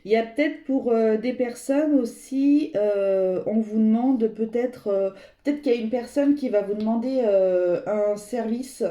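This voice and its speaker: A tarot reader with a dark-toned voice on the high side speaks a little slowly. Addressing viewers directly, she gives them a card reading, meandering and searching for words, in a roomy echo.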